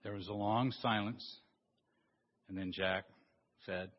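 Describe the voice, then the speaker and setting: A male pastor preaching an emphatic sermon in a church sanctuary. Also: fairly low pitch. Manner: slow, lively, emphatic preaching. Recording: dull recording with long church reverb.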